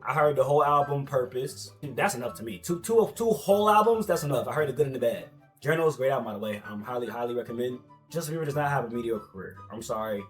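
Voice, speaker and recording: A young American man giving casual, slangy reaction commentary in an animated, argumentative, repetitive way. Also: medium pitch, fast, soft background music. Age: young adult. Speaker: commentator reacting to social media posts.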